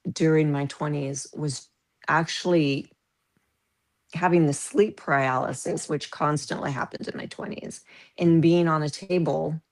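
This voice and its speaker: A woman's voice: low voice, steady tone, unhurried, a little mellow. A woman in her fifties from the American Midwest, a podcast guest telling stories animatedly and laughing through them. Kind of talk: casual storytelling.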